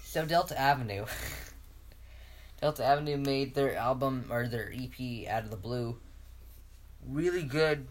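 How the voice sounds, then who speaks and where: A man's voice: mid-range voice, normal speed, slight background noise. Giggly rambling young man. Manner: rambling, giggly, with many fillers and restarts. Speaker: podcast co-host. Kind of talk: casual chat.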